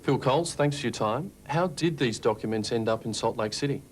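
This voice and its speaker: A man's voice: medium pitch, fairly quick. Man, reporter, probing interview questions, mid-range voice, faint background hum.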